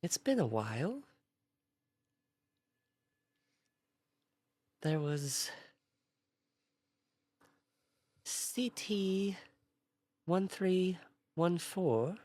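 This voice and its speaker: A man gives voice to a weary female Jedi who speaks slowly and with measured care, pausing on pensive hums. The tone is calm and even, a tabletop role-play read without strain. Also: high-pitched, no echo, pitched above the performer's own voice, heavily acted. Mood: reflective. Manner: slow, measured, thoughtful hums.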